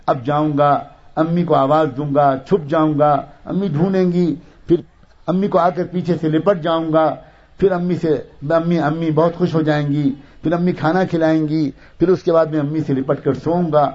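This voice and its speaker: A man's voice: on the high side, fairly even intonation, a little mellow, lightly acted. A man voicing a young orphan boy who longs for his mother, speaking in a pleading, heartfelt way. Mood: eager. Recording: dull lo-fi recording.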